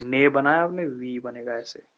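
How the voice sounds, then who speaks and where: A man teaching shorthand in a live online lesson, explaining step by step with patient pauses and slowing down to spell out terms. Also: medium pitch, fairly bright tone, a little hiss or hum. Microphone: online class microphone. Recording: dull lo-fi online class audio.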